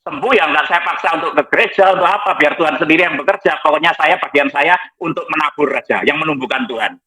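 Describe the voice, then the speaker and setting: A lively pastor with a tinge tells his story in a studio talk. His voice is bright and sits a little high. He jokes as he goes. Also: fast talker, rough recording. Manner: lively, jokey, repeats "next lagi" while showing slides. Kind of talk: testimony in a talk show.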